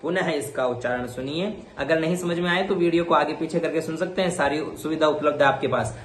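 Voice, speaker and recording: A man teaching the pronunciation of Vedic mantras, chanting each mantra slowly and then explaining briefly. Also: on the high side, echoey room, a little hiss or hum.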